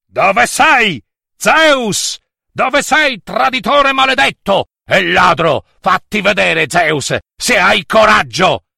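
A man's voice: medium pitch, expressive, unhurried, gravelly, sharp tone, slightly rough, no room sound, clean studio sound, exaggerated voice. A man voicing a furious old river god and father in a storybook tale, bellowing accusations.

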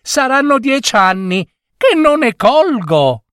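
A man's voice: sing-song, fairly bright tone, no echo, studio quality, heavily acted. A man putting on a gushing lady clerk. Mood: delighted. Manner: gushing, high and drawn-out. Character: cheerful middle-aged woman office clerk, dreamy.

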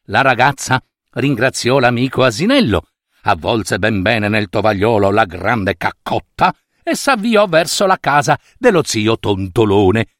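A man reading a fairy tale aloud in a playful, expressive way. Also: mid-range voice, a little slow, no echo, clean studio sound. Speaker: storyteller.

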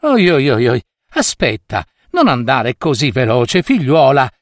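A tiny magical woman speaks in a bright, raised, breathless voice , put on by a man reading a storybook. She is kindly but stern, calling out with swooping lively inflection. The sound is close and dry. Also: a little high, a little slow, no echo, voice pushed up. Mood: urgent. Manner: breathless, pleading calls.

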